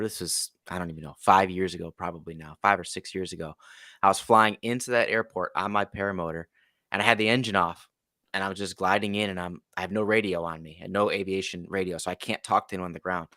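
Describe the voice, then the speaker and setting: Animated storytelling man, low voice. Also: dry recording, studio quality. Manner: animated storyteller acting out quotes. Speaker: podcast guest, pilot. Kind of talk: casual storytelling.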